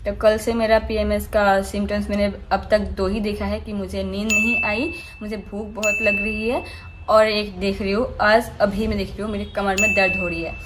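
A woman's voice: medium pitch, little pitch movement, moderate pace, very noisy. A woman in her twenties chatting casually to her viewers in a home vlog. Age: 20s. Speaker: vlogger. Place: bedroom at home. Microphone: phone or camera within arm's reach.

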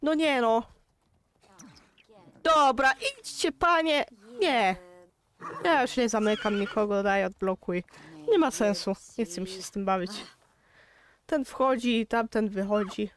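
A woman's voice: medium pitch, measured pace. A young woman with a Polish accent giving casual gameplay commentary, chatty and exasperated, talking straight to her viewers. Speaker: gaming YouTuber.

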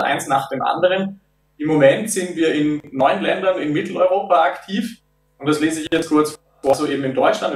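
Speaking in a slightly raised voice of fairly high pitch, a product developer in his thirties answers interview questions over video call. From an office meeting room, he walks through his points step by step, measured and pausing often on fillers, with roomy, distant-sounding audio.

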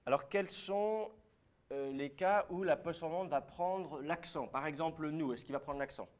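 A man's voice: on the high side, normal speed. A man teaching a class, explaining step by step and putting questions to his students. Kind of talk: classroom lecture.

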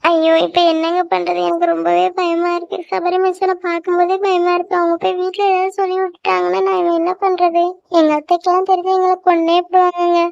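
A woman doing a squeaky, whiny cartoon wife. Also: monotone, quick pace, gravelly, hardly any pauses, darkish tone, no room sound, muffled recording. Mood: tearful. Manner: whiny, pleading. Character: young wife, pleading and easily upset.

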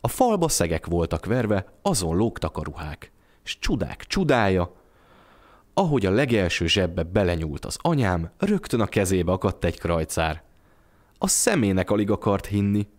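A man telling a classic short story aloud in a lively, expressive narration for an audio storybook. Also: sits low.

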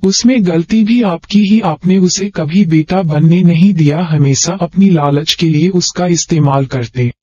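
Guy reading as a bossy furious mom of a rich house, sharp and scolding, dry dull recording. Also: fairly high pitch, unhurried, few pauses, no echo. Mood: bitter. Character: proud angry middle-aged mother, lady of house.

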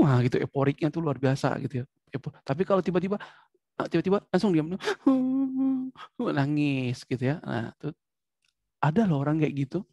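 Gravelly-voiced man teaching a class. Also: medium pitch, dry recording, lo-fi sound. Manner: animated, acts out short examples. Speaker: psychology teacher. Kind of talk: classroom lecture.

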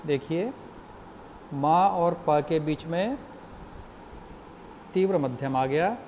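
A man teaching music theory in a slow, patient lecture, explaining step by step and asking the class questions. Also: a little high, darkish tone, a little hiss or hum.

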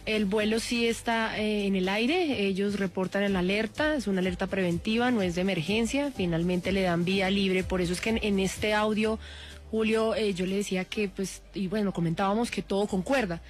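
A woman's voice: medium pitch, moderate pace, faint music behind. A woman explaining events as a journalist in a live radio news discussion.

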